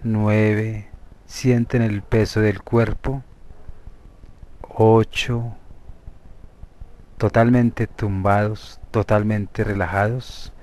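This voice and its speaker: A man from Colombia, a hypnotherapist, leading a guided hypnosis meditation with slow, soothing instructions and long pauses. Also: on the low side, level tone, darkish tone.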